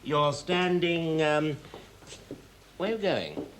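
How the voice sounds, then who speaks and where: A man's voice: a little high, lively intonation, slow pace, a bit bright, a little hiss or hum. An actor playing an impatient, theatrical stage director who bosses his cast through a rehearsal in a 1970s televised stage drama. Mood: bossy, excitable. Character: fussy, excitable stage director running a rehearsal.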